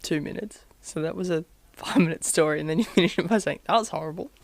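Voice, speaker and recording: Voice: medium pitch, fast, gravelly, dry recording. A podcast co-host chatting casually, mostly giving short reactions and easy banter. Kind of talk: casual chat.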